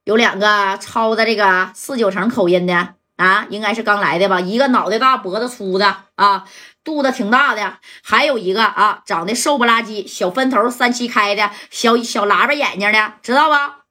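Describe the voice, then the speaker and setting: A woman telling a gangland story in a lively oral storytelling style, acting out the characters' lines. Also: moderate pace. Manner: lively, acts out quotes with pitch jumps.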